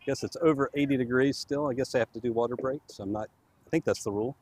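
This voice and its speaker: An easygoing home-club play-by-play commentator calls a live soccer match at an outdoor field. His medium-pitched, slightly mellow voice moves quickly, and his commentary is casual and chatty, with laughs coming easily. A little hiss or hum sits in the background.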